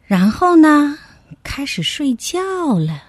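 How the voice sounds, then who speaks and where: A woman telling a children's story in a slow, expressive manner. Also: sits high, dry recording.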